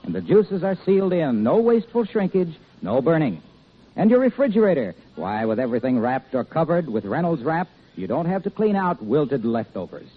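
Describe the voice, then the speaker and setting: A man announcing and reading a persuasive commercial in a brisk 1950s radio style, heard from an old broadcast transcription disc. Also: very animated, slightly rough, narrow, tinny audio. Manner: brisk, persuasive sales pitch. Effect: old broadcast disc recording.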